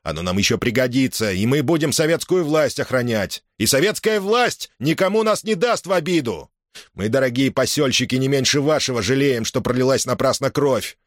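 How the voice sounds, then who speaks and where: A man reading an audiobook, voicing a fiery young frontline soldier who addresses a crowd with loud, forceful oratory. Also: mid-range voice, lively intonation, fairly quick, no echo, clean studio sound, voice pushed up, close to an everyday voice. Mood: defiant.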